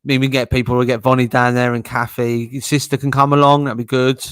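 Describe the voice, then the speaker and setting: A man's voice: mid-range voice, little pitch movement, fast talker, a bit bright, clean tone, no room sound. A man hosting a casual podcast chat, laughing often as he rambles. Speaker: podcast host.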